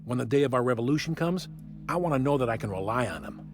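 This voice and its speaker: Casting: man as older pompous revolutionary for game dialogue, condescending speechmaker, clear music underneath. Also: medium pitch, animated, fast talker, lightly acted. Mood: grand, persuasive. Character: grizzled old male revolutionary, condescending and grandiose.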